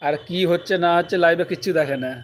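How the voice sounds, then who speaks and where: A man's voice: fairly high pitch, quick pace, noisy background. A man hosting a casual live stream on his phone, reading viewers' comments aloud and answering them with teasing remarks.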